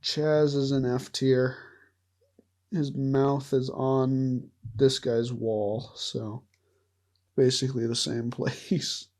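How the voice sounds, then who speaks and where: A man's voice: mid-range voice, flat delivery, very slow, a little mellow. A man giving casual, rambling commentary as he ranks cartoon characters, laughing often and trailing off mid-thought. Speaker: vlogger ranking show characters.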